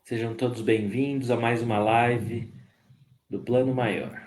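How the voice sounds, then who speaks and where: Hoarse, slow-talking man with a cold. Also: mid-range voice, steady tone, darkish tone. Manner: slow, friendly, greets viewers by name. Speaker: host of a spiritist live stream. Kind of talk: casual greetings to live chat viewers. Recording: echoey room.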